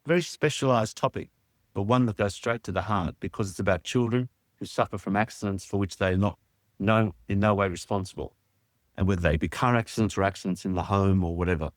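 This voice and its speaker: Man, charity head, measured and earnest, lowish voice, dry close mic. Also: dry recording. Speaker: charity president. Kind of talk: interview answers.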